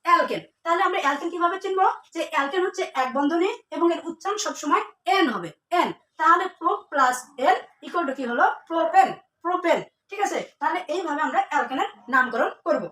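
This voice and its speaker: A woman's voice: very high voice, lively intonation, quick pace, few pauses, bright, forceful tone. A woman teaching a chemistry lesson to students, asking questions and then answering them herself, repeating the key terms. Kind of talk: classroom lesson. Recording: echoey room, mic at a distance.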